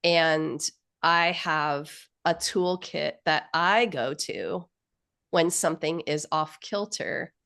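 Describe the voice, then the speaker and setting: A woman in her fifties hosting an author info session over a video call, sounding nasal from a cold and talking with enthusiastic, rambling warmth. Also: low-pitched, slow pace, vocal fry. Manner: enthusiastic, grateful, rambling with fillers. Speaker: publisher and host.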